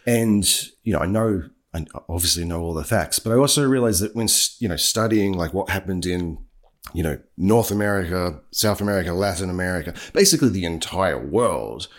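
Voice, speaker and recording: A young man, a writer and podcast co-host, talking in an earnest, reflective way with frequent restarts. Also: deep voice. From Australia. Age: young adult. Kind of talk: casual chat.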